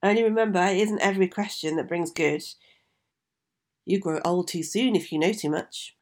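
A scolding old witch who threatens to eat the nosy. Her voice is gruff and pushed louder than the storytelling around it, as a woman narrator puts her on. The tone stays grumpy and menacing. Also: on the low side, normal speed, lightly acted.

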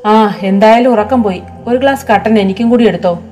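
A woman's voice: medium pitch, fairly quick, dark tone, lightly acted. A woman voicing an older mother-in-law who complains sharply, in a storybook reading with faint music. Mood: annoyed. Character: older mother-in-law, cross at being woken.

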